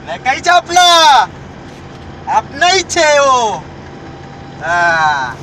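Brief: man playing a possessed guy, menacing and mocking, very high pitched, dragging delivery. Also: huge pitch swings, drawn-out words, pushed and bright, a little hiss or hum, full character voice, rough recording.

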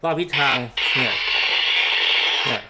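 A Thai man gives a casual hands-on product demo, walking through it step by step and often repeating himself with polite particles. He speaks at a measured pace. The recording is very noisy.

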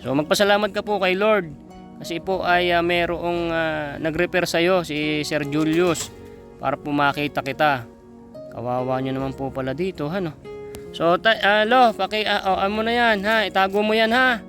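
A man from the Philippines vlogging outdoors on a mountain, talking haltingly with many fillers and coaxing an old man. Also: high voice, fairly bright tone. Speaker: charity vlogger. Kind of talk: casual vlog talk to camera and an old man. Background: guitar music.

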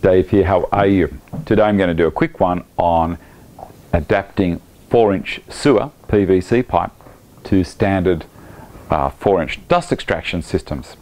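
Speaking low and unhurried, an Australian-accented man in his fifties runs a woodworking channel and demonstrates a job in his home workshop. Miked with a lapel mic, he chats casually and easily, laughing and dropping Aussie slang.

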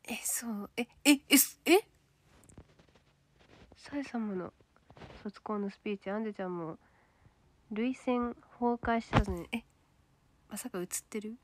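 Chatty Kansai woman, slightly high voice. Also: measured pace, pauses often, no room sound. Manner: chatty, reads comments aloud, drops to a soft whisper at times. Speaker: idol livestreamer reading viewer comments. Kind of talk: casual livestream chat.

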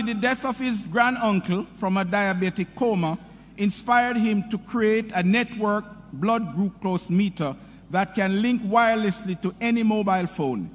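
A middle-aged man at a podium formally introducing a commencement speaker, reading a prepared script in a measured, sing-song delivery. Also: sits high, a little hiss or hum. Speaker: university president introducing the speaker. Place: large hall, speaking at a podium. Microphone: podium microphone. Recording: hall reverb with faint ambience.

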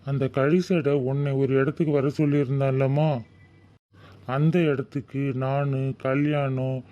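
A man's voice: fairly high pitch, mellow, natural voice. A man voicing a blunt, protective young husband and big brother in a cartoon, talking in a scolding, tough way. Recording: dull lo-fi recording.

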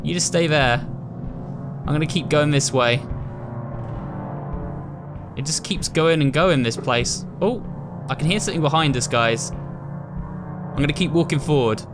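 Playing a horror game, a British gaming video host chats casually with his viewers in a fairly high voice, speaking a little slowly and pausing often. Ominous game music runs underneath his voice.

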